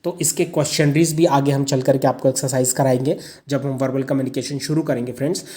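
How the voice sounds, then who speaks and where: A man's voice: medium pitch, fairly even intonation, quick pace, mellow. A man teaching English grammar in Hindi mixed with English. He repeats each example word twice, asks rhetorical questions and answers them himself, and keeps calling his listeners friends.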